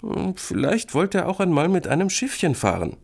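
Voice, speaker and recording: A man voicing a cheeky, teasing older sister in a children's story, lively and raised. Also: mid-range voice, moderate pace, gravelly, voice pushed up, full character voice.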